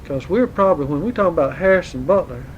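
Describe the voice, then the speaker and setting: Male interviewer, Southern accent, slightly high voice, informal, faint tape noise. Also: lively intonation, fast, narrow, tinny audio. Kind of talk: informal oral history interview.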